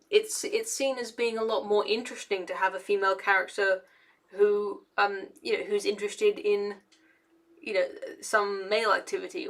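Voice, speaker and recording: A young adult woman, an engineer and video essayist, comments casually to camera in a medium-pitched voice with a sharp tone. She is hesitant and rambling, with many fillers and restarts.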